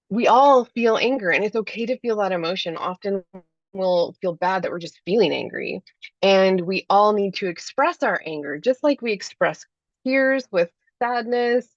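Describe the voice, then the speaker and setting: A woman's voice: mid-range voice, no room sound, dull audio. A woman life coach talking as a podcast guest in a chatty way, often adding "like" and "right?". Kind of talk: podcast interview.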